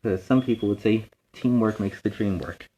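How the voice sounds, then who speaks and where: A man's voice: fairly low pitch, normal speed, lo-fi sound, background noise, natural voice. A man playing a friendly young superhero who reads a children's storybook and chats earnestly with encouraging asides. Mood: reflective, chatty. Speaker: storytime host and reader.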